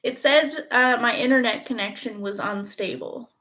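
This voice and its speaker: A woman's voice: a little high, moderate pace, bright, forceful tone. A woman from Canada chatting casually on a live stream at home, rambling with lots of fillers, recorded on a phone's front camera. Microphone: phone front-facing camera.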